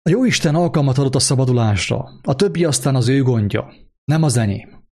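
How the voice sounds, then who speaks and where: A man's voice: mid-range voice, animated, dark tone. A man reading aloud and voicing a young teacher who speaks bluntly and resolutely. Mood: defiant. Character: young male village teacher, defiant.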